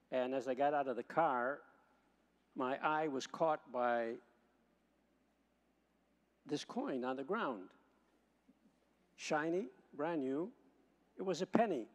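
A man, a priest, reading the gospel and preaching in a measured way, slowing to stress key words, with a long church echo around his voice. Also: a little high, creaky. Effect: long church hall echo. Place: large church. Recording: long reverb of a large church.

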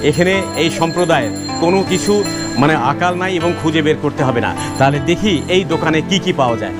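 A man hosts a street vlog as he walks through a busy outdoor market. His voice sits a little high, and he keeps turning to address his viewers directly. Music plays clearly underneath. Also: expressive, fairly quick. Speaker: street vlogger host.

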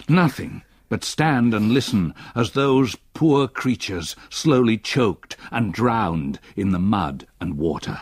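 An older Englishman plays a retired solicitor recounting a haunting memory, delivered in a measured, literary radio-play style. His voice is husky and mid-pitched, and the recording is dry.

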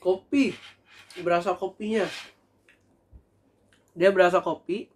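This is a young food vlogger talking in a chatty, animated manner to viewers from a table in a small room during a casual review. High-pitched and unhurried, he's recorded with slight background noise.

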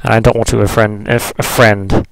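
A man's voice: lowish voice, level tone, moderate pace, creaky, no echo, poor audio. A man giving casual, rambling, joking commentary as he plays a video game. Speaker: let's player. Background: video game music.

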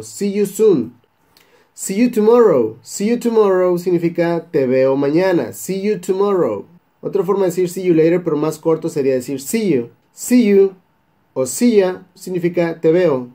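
A young Mexican man from Baja California Sur with a Mexican Spanish accent, teaching English phrases and slowly repeating each one for learners. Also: fairly high pitch, warm tone. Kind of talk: English lesson for Spanish speakers.

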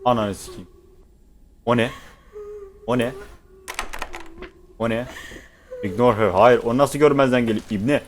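A man's voice: medium pitch, a little slow, long pauses, slight background noise. A man commentating on a horror game as he plays, cursing constantly and reacting jumpily to scares. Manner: swears constantly, jumpy and panicky. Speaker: gaming streamer.

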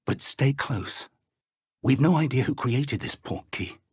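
An actor playing an elderly British wizard professor in a video game, an earnest, courteous mentor with a gravelly, husky voice and measured, formal speech. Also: male voice, medium pitch, animated, a little mellow, no echo, studio quality. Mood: grave, wondering. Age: older. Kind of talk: scripted video game dialogue.

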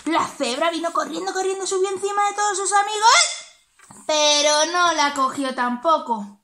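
A preschool teacher, telling a story to small children in an animated, sing-song way. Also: female voice, very high-pitched, normal speed.

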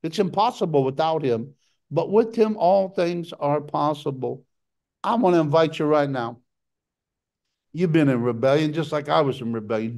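A middle-aged man preaching a sermon with passion, his voice jumping up high for emphasis. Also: darkish tone. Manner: impassioned preaching, jumps to a high pitch for emphasis.

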